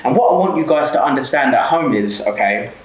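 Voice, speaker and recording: Brisk and animated, with a medium pitch, a South London small business owner in his twenties mentors straight to camera in a blunt, expletive-heavy motivational talk punctuated by "okay?". The audio is poor, with an echoey room.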